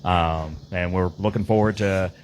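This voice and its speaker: A man's voice: low voice, steady tone, a little slow, a little hiss or hum, low-quality recording. A man talking through his team's game on a casual podcast, rambling with lots of fillers and restarts. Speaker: team player on a podcast.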